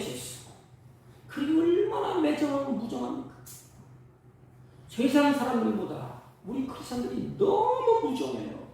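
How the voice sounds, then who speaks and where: A male pastor preaching a Sunday sermon, rising to loud, emphatic bursts. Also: high-pitched, creaky. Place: church sanctuary. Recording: echoey church hall from far off.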